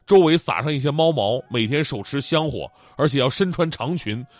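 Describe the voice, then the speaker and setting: A man's voice: medium pitch, brisk, dry recording. A man, hosting and telling funny stories lots of laughter. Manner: animated, joking, laughing often. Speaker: host. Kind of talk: comedic storytelling.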